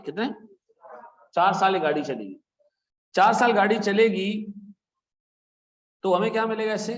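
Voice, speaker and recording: Chatty male teacher in an echoey classroom. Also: high-pitched. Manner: chatty, tells stories, keeps asking "theek hai na?". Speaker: accounting teacher. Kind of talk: classroom lecture with anecdotes. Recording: echoey classroom, dull lo-fi sound.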